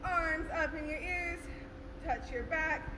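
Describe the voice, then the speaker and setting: Speaking slowly in an extremely high voice, a woman coach runs a stretching class streamed live from a gym floor with fans running. Her relaxed, encouraging cues and counts sound roomy, with a steady background hum throughout the noisy audio.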